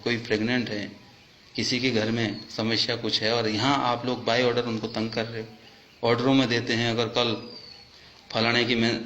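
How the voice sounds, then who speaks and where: A man who is an army soldier, making an impassioned complaint, full of indignant rhetorical questions and rising almost to shouts. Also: mid-range voice. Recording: echoey, dull, faint background hum.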